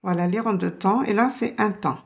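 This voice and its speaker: A woman's voice: mid-range voice, brisk, gravelly. A woman teaching a beginner language lesson, explaining patiently step by step. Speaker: Arabic teacher.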